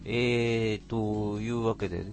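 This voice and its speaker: Lower-pitched man hosting a casual stream. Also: flat delivery, slow, soft background music. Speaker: radio stream host. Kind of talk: casual live stream chat.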